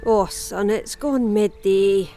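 A woman's voice: medium pitch, takes it slowly, warm tone, faint music behind. A middle-aged woman with a broad Scottish accent playing a wry, teasing, motherly villager in an audio drama. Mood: dry teasing. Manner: dry, teasing, matter-of-fact.

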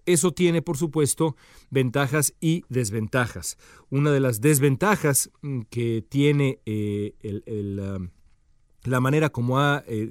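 A man's voice: mid-range voice, a little mellow, no echo, clean studio sound. Hesitant man giving political commentary. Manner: measured, with frequent hesitant fillers. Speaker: political commentator and show host.

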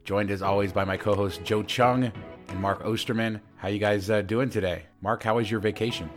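Low-voiced male podcast host. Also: steady tone, normal speed, faint music behind. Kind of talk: casual podcast hosting.

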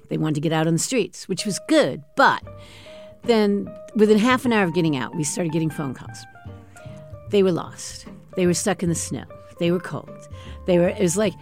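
An older woman, a state representative and former campaign intern, recalling events in an amused, fond way in an interview. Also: fairly low pitch. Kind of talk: interview recollection.

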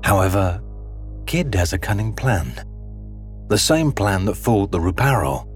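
A man giving scripted, dramatic documentary narration in a measured storytelling manner. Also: low-pitched.

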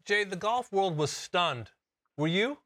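A man with a notably high voice hosts a golf talk show and asks the guest smooth, prepared questions. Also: expressive, takes it slowly, pushed and bright. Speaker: show co-host. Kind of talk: interview questions.

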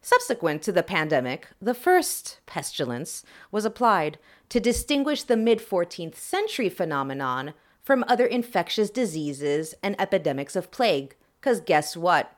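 A woman's voice: lowish voice, sing-song, normal speed, hardly any pauses. A woman hosting a podcast, explaining history in a chatty way with playful, wry asides to her listeners. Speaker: podcast host.

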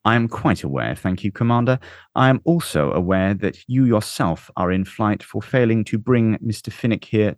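A man reading a story aloud, voicing a smooth, silky male banker who talks with polite, quiet menace. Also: lowish voice, no room sound, clean studio sound.

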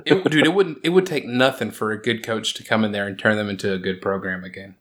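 A man hosting a casual sports chat, joking, sarcastic and quick to laugh as he runs through scores. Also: on the low side, fairly bright tone. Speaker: podcast host.

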